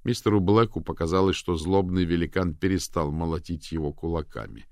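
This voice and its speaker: A man reading an audiobook in measured scripted narration. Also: sits low, darkish tone, dry recording, studio quality. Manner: measured, storytelling.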